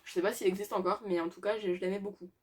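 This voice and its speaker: A woman's voice: mid-range voice, fairly even intonation, rapid-fire, a little mellow. A teenage girl answering tag questions in a casual, hesitant way, with frequent fillers and little laughs. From France. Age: teens. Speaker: YouTuber.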